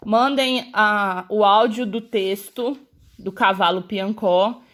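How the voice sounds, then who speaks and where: A woman's voice: mid-range voice, takes it slowly, fairly bright tone. A woman teacher with a Brazilian accent, patiently taking young pupils through a school worksheet step by step and talking to them directly. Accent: Brazilian Portuguese. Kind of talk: explaining a school worksheet to children.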